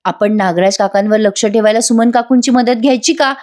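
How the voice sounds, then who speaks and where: An earnest young wife laying out a plan, explaining point by point, read in a woman narrator's own voice. Her tone is fairly high and eager. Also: fairly quick, a little mellow, natural voice.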